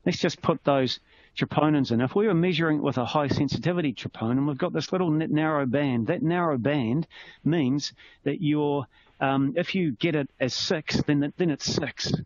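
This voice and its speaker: A man's voice: a little high, moderate pace. Kiwi man teaching a medical webinar. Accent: New Zealand. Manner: conversational, explaining with everyday analogies. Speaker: clinician presenting a webinar. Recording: slightly muffled with faint noise.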